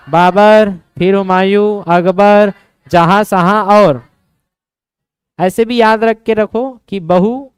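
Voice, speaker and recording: A man teaching an exam-prep history lesson, quizzing students with quick questions and memory tricks. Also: sits high, clean tone, no room sound, clean studio sound.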